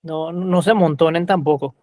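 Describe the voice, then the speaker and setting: A man facilitating a coaching workshop, asking slow, reflective questions. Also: on the high side, mellow, no room sound.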